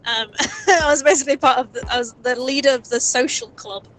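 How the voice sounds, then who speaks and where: A woman's voice: high voice, brisk, fairly bright tone, rough recording. A young woman in her early twenties chatting casually on a live stream from a moving car over a voice call, rambling, swearing and laughing often. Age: early 20s. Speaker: stream co-host. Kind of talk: casual chat. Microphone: Discord voice call.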